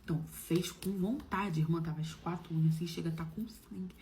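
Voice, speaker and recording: A woman's voice: lowish voice, steady tone, brisk, warm tone, a little hiss or hum. A woman telling a dramatic personal story in a casual, gossipy way, acting out what others said. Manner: gossipy, dramatic, quotes people in changed voices.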